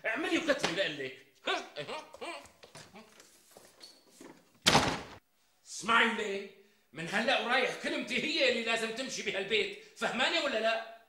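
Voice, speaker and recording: A man's voice: very high voice, big pitch swings, fairly quick, reverberant, heavy background noise. An actor playing a browbeaten middle-aged husband with a Damascene Syrian accent, who rants bold speeches when he is alone in a TV sitcom. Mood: blustering. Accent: Damascene Syrian Arabic. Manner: rehearses bold speeches, mocking and ranting. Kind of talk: TV sitcom acting.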